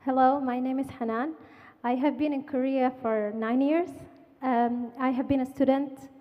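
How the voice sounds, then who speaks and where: A woman from Saudi Arabia asking the panel an earnest, slightly halting question at a forum. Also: sits high, fairly even intonation. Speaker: audience member asking a question. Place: conference auditorium. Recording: muffled hall reverb.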